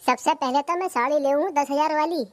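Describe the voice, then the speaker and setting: A woman voicing a demanding, sharp-tongued village wife in a cartoon comedy, with a bossy manner. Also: high-pitched, brisk, lightly acted.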